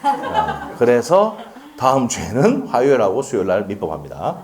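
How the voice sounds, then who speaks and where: Lively, chatty male law lecturer. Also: medium pitch, normal speed. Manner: chatty, asks the class questions and answers them himself; laughs often and jokes with students. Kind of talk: casual classroom lecture. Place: lecture classroom.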